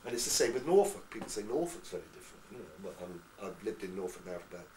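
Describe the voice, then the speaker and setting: Brief: English actor, animated anecdotes, lowish voice, roomy distant sound. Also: male voice, fast, background noise. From England. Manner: lively storyteller, slips into accents. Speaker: actor interviewee. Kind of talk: anecdotal interview chat. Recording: echoey room, far from mic.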